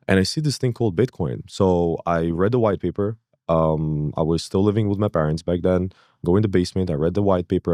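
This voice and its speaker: A Kazakhstan-born man in his thirties, with a low, slightly mellow voice, tells his story as a podcast guest. The casual interview is recorded in studio quality with no echo, and he rambles, uses lots of fillers, and acts out his past thoughts.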